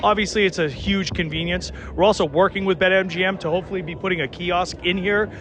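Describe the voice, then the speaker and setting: A man's voice: fairly even intonation, quick pace, crowd noise. A man promoting his sports venue in an interview, upbeat and full of "you know" fillers, recorded outdoors. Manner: upbeat pitch, many fillers. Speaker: venue operator.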